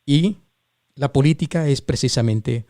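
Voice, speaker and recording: A man hosting a radio interview, speaking conversationally in measured short phrases. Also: mid-range voice, warm tone, dry recording, studio quality.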